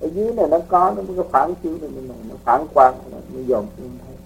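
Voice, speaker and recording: A man teaching spiritual practice in a relaxed, folksy way, explaining with homely examples to his students. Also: on the high side, fast talker, creaky, a little hiss or hum, low-quality recording. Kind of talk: casual spiritual teaching talk.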